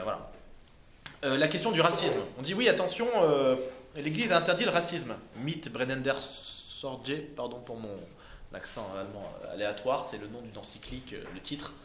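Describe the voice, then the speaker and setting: A man's voice: medium pitch, a bit bright, slight background noise. Man lecturing in an echoey room. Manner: hesitant, many fillers and restarts. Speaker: speaker giving a talk. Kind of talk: informal lecture to a live audience. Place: indoor room with listeners. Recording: echoey room, faint ambience.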